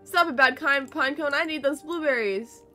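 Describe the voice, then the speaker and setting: A young woman streamer playing a game, chatty and playful, reacting out loud. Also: sits high, normal speed, faint music behind. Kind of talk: let's-play commentary.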